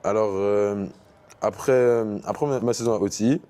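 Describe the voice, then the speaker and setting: A young man from Paris, France, a basketball player guest, answers interview questions casually and eases into English basketball terms. His lowish voice has fairly even intonation and a dark, clean tone at normal speed.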